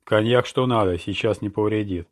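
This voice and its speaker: A man's voice: fairly low pitch, moderate pace, lightly acted. A man voicing a breezy, coaxing young man in an audiobook.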